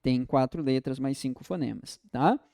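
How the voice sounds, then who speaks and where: A young man with a Brazilian Portuguese accent teaching an exam-prep lesson in a lively way, stretching out his example words. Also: mid-range voice, normal speed, creaky, dry recording.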